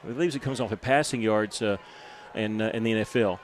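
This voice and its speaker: A man's voice: on the low side, fast, slight background noise. Breathless man calling football play-by-play. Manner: excitable, rising to loud calls on big plays. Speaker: play-by-play announcer.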